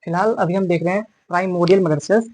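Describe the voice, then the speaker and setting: Husky-voiced male biology teacher. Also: sits high, fast talker, a little mellow, dry recording, poor audio. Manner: repeats and corrects terms while explaining; mixes English terms into Hindi. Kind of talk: explanatory classroom lecture.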